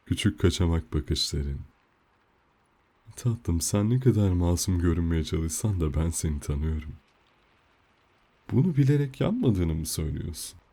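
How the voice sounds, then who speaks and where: Man playing a deep-voiced teasing boyfriend, ASMR role-play, quiet murmur.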